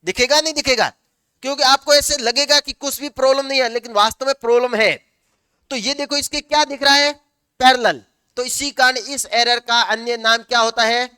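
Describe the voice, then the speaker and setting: Male teacher, lecture delivery, self-answering questions, dictates slowly at times. Very clear, crisp tone. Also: extremely high pitch, steady tone, pushed and bright, no echo, studio quality. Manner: asks the class questions and answers them himself; slows down to dictate notes word by word. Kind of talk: classroom lecture.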